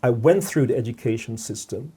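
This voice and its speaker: A middle-aged man from Guyana, speaking as a podcast guest in a reflective discussion, measured and repeating words, often checking in with "all right?". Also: medium pitch, dark tone, husky.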